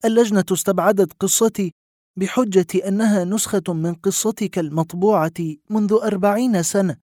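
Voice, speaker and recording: A man's voice: sits high, steady tone, moderate pace, warm tone, no room sound, studio quality, pitched above the performer's own voice, natural voice. A man voicing an angry, reproachful woman in her sixties, raising his voice to play her. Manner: reproachful, sarcastic.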